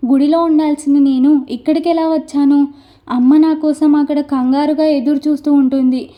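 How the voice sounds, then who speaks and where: A woman's voice: sits high, steady tone, normal speed, close to an everyday voice. A woman voicing a frightened young bride who pleads through tears in a storybook narration. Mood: tearful pleading. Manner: pleading, crying, breathless questions. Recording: dull lo-fi recording.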